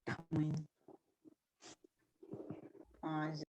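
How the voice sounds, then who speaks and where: A woman's voice: low-pitched, monotone, drawn-out words, a little mellow, lo-fi sound, slight background noise. A woman speaking hesitantly over a video call whose audio keeps breaking up and cutting out. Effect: choppy, cutting-out internet call audio. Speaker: participant in an online group discussion. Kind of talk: casual chat.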